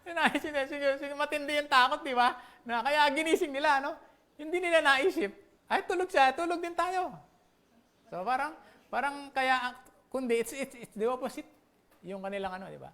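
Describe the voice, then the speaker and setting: High-voiced Filipino pastor preaching. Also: male voice, sharp tone. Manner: conversational, checks in with the listeners often; slows down to read scripture aloud. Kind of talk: sermon mixing Tagalog and English.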